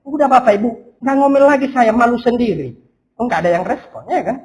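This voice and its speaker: A man preaching a sermon as pastor, lively, asking the congregation rhetorical questions. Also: extremely high pitch, a little fast, rough recording. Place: church hall.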